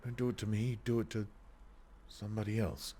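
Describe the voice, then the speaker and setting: A man reading the part of a quiet, weary young woman in an audiobook, with a soft, hushed delivery. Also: lowish voice, level tone, brisk, slightly rough.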